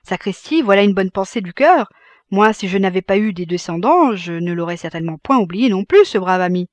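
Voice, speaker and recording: A man's voice: high-pitched, lively intonation, fairly quick, no room sound. A woman voicing an eager old father. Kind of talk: audiobook reading.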